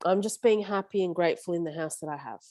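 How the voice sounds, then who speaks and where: Woman facilitator, low-ish mellow voice, dry close sound, earnest coaching tone. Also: fast, no room sound. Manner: earnest, coaching, stumbles over words. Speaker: support group facilitator. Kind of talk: casual group support session.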